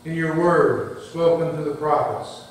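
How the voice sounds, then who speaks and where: Priest's prayer in a cathedral echo. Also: male voice, fairly high pitch. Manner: steady, measured recitation. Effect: cathedral echo, heard from far off. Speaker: priest leading a Eucharist. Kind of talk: liturgical prayer. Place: large church. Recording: echoey large church, distant mic.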